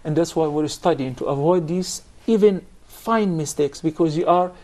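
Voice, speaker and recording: A man's voice: fairly high pitch, normal speed, warm tone. Man teaching Quran recitation patiently. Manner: patient, explanatory, questions students. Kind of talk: classroom instruction.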